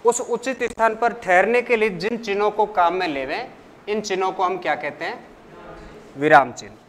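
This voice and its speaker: A man teaching a lesson, asking the class questions and answering them himself in a slow, deliberate way. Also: sits high, fairly bright tone, in a large hall, slight background noise. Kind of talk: classroom lecture.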